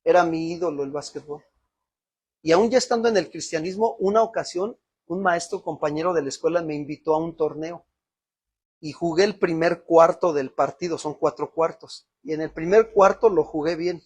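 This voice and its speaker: A Mexican pastor with a somewhat husky, raised-pitch voice preaches to his congregation. He tells a story and climbs to emotional peaks. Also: moderate pace, darkish tone. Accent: Mexican Spanish. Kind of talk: sermon.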